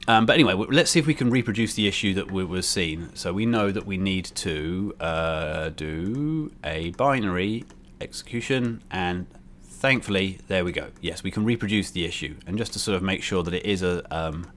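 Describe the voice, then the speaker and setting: A British man giving casual live coding commentary as he streams, thinking aloud in a halting way. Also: deep voice, a bit bright. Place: indoors by a window. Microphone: desk microphone, bidirectional. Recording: keyboard and street noise behind.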